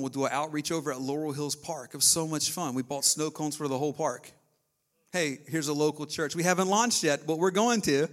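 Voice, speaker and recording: High-voiced energetic pastor. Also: male voice. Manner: energetic, conversational preaching. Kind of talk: sermon.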